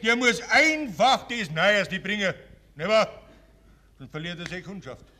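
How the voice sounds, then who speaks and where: A blunt, grudging Bavarian. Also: male voice, sits high, big pitch swings, a little slow, sharp tone, exaggerated voice. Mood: opinionated. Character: blunt, grudging common man as reluctant critic.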